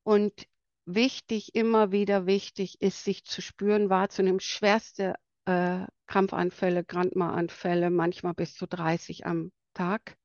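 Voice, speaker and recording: Slow, earnest woman with a bright voice. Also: fairly low pitch, little pitch movement, no echo, lo-fi sound. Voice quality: light, bright voice. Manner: earnest, pauses to search for words. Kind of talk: presentation to an audience.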